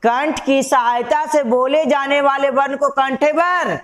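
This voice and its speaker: Slow, high-voiced woman teaching grammar. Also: steady tone. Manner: repeats key terms as questions to students; slow, patient classroom delivery. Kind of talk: Hindi grammar lesson.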